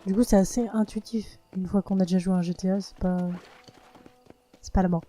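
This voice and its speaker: A man's voice: high-pitched, steady tone, fast, dark tone, soft background music. A man giving hesitant, casual commentary while playing a video game. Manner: hesitant, lots of fillers. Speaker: let's play gamer.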